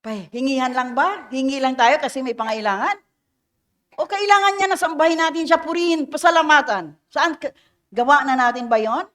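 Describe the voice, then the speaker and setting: A middle-aged Filipino-accented woman pastor speaks at a moderate pace in a high, fairly bright voice during her Sunday sermon. Blending English phrases into her Filipino preaching, she playfully teases, laughs between points, and often asks the congregation questions.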